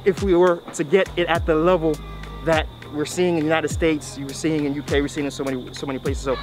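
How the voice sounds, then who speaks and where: High-pitched man talking through a face mask. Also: little pitch movement, quick pace, darkish tone, faint music behind. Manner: emphatic, repeats phrases for effect. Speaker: video series host. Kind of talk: vlog presenting to camera. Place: outdoors on a tree-lined roadside.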